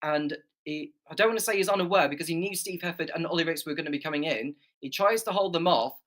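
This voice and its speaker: A man's voice: a little high, fast, fairly bright tone. A man doing live race commentary as a motorsport commentator working alongside a partner.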